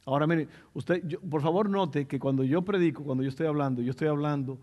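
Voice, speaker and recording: A man's voice: on the high side, quick pace, highs cut off. A male pastor preaching a sermon in a teaching tone, repeating his key phrases for emphasis.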